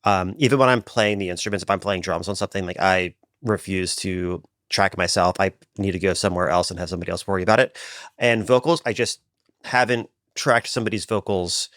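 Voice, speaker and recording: A tired man co-hosting a podcast, talking in animated bursts with fillers and restarts. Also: deep voice, a little fast, dry recording, clean studio sound. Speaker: podcast co-host. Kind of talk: casual chat.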